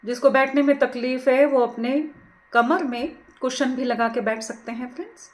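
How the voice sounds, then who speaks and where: In a high voice, a middle-aged woman leads a guided meditation. Her instructions are slow and gentle, with English words mixed into her speech.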